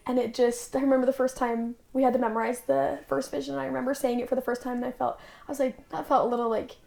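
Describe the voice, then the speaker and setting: A woman's voice: high voice, flat delivery, fast talker, creaky, a little mellow. A young woman in her twenties, a podcast guest telling stories casually, often saying "like" and acting out what others said. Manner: chatty, acts out quoted dialogue; frequent filler "like".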